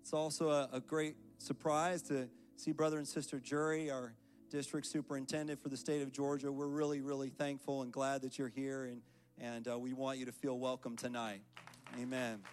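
A man's voice: mid-range voice, little pitch movement, moderate pace, faint music behind. A man giving an earnest sermon as guest preacher at a church service, reading scripture and building into prayer.

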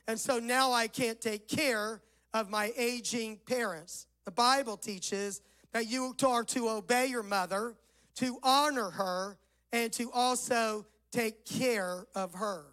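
A man preaching a sermon as pastor, his voice rough and hollow as if he were speaking inside a barrel, slowing down to quote scripture. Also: very high voice, sharp tone, rough recording. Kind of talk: Mother's Day sermon.

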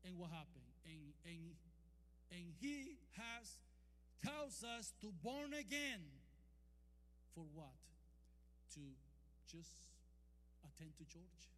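A Costa Rican man with a high-pitched, slightly bright voice that swings widely in pitch preaches a sermon in a church hall, calling out for amens from the congregation. He works in calls and responses and draws out scripture quotes with emphasis. The recording carries long hall reverb and a faint hum.

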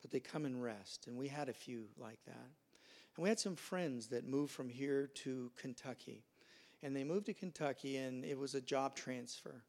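A man's voice: mid-range voice, normal speed, darkish tone. A man preaching a sermon as pastor in a church, telling stories and acting out the people in them. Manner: storytelling, acts out quoted voices. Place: church sanctuary.

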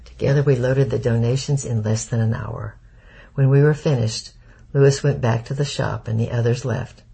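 A man reading a first-person story aloud in a steady, measured narration. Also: mid-range voice, gravelly, husky. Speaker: audiobook narrator.

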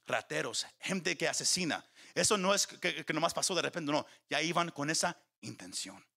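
A male pastor delivers a sermon in a gravelly, bright voice. His pitch rises and falls widely as he builds emphasis, and he trips over repeated words. He keeps asking the congregation whether they are following. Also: lively intonation, normal speed. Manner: preaching with rising emphasis and repeated restarts; addresses the congregation with questions.

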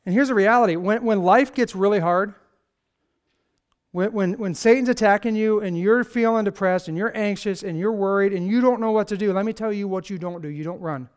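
High-voiced man preaching casually. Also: brisk, clean tone. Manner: conversational, sarcastic, animated storytelling with acted quotes. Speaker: pastor. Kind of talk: casual sermon.

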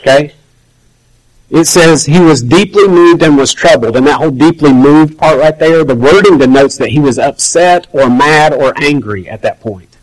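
Pastor guy preaching, talks like he's chatting, does little voices, voice a bit on the high side. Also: moderate pace, rough recording. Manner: conversational, acts out quoted voices. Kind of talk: sermon.

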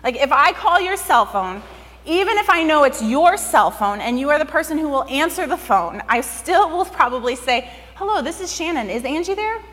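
A woman's voice: sits high, expressive, normal speed, fairly bright tone, faint music behind. A woman pastor giving a sermon in a conversational way, often saying "like". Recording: long hall reverb.

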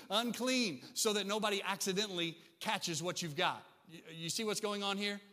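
A man preaching a sermon as a pastor, talking in a conversational, animated way that swings between hushed and emphatic. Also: high-pitched. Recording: long reverb of a large hall.

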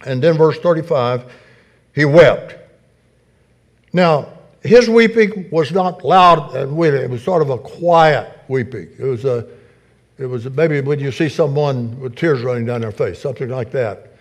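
An older man preaching with earnest conviction, at middle pitch. He repeats words and phrases as he works through a passage, climbing to emphatic peaks and then sinking to a soft, low hush. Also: normal speed. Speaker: pastor. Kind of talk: sermon.

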